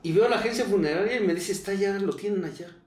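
High-voiced Mexican man, halting testimony. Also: reverberant. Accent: Mexican Spanish. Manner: halting, repeats words, relives moments aloud. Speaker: interview guest. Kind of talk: emotional personal testimony.

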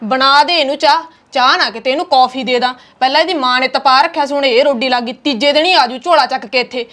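A woman plays a scolding, sarcastic sister-in-law with a Punjabi accent in a web drama. She talks quickly in a high, bright voice. Her taunts come out sharp. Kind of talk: Punjabi web-series acting.

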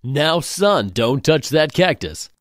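A woman voicing deadpan cartoon parents and oddballs in a fan animation. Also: deep voice, slow pace, exaggerated voice.

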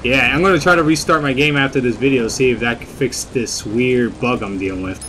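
A man's voice: medium pitch, a little fast, a bit bright, a little hiss or hum, rough recording. A young man giving casual, rambling gameplay commentary, often repeating his phrases. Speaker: gamer, video host. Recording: game music under the voice.

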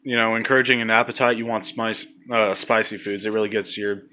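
Very bright-voiced young man bantering. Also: fairly low pitch, steady tone, fairly quick, low-quality recording. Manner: joking, crude. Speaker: co-host filming the cooking. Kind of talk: casual, profane banter. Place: small home kitchen, indoors. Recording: faint noise on handheld kitchen recording.

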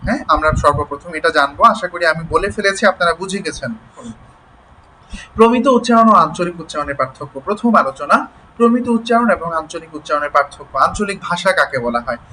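A man's voice: on the high side, expressive, bright, forceful tone, a little hiss or hum, low-quality recording. A man teaching an online class. He explains patiently, spells words out sound by sound, and keeps checking that his students follow. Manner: explains slowly, checks in with "ঠিক আছে?".

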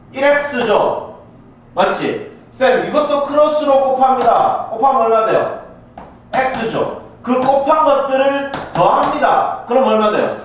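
Give me a high-voiced Gyeongsang Korean male teacher. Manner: checks in with students after nearly every step. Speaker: math teacher. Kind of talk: classroom lecture. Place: classroom. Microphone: camcorder in the room. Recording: echoey classroom from far off, faint hiss.

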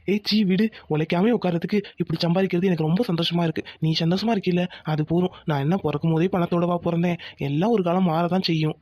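A woman voicing a gentle, devoted young village husband who works as a mechanic. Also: fairly low pitch, fairly even intonation, no echo, lightly acted. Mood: tender. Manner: gentle, reassuring, quick talk. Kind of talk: cartoon voice acting.

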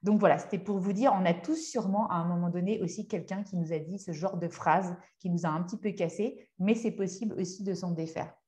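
A woman in her thirties, a hypnotherapist, giving a motivational workshop talk in a conversational, halting way as she searches for words. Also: fairly low pitch, dark tone. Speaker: speaker and hypnotherapist.

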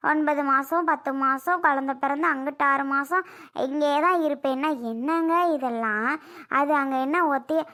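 This is an indignant young sister who grumbles on and on about her brother's wife, as the performer puts her on. Her voice is high and bright as she complains, like a fed-up sister in a family drama.

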